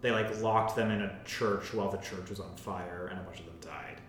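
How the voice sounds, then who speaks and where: A man's voice: steady tone, fairly quick. A man hosting a casual film podcast, summarizing a plot and filling his talk with "like" and "um". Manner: filler-heavy, says "like" constantly. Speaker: podcast host. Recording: very echoey room, faint rumble.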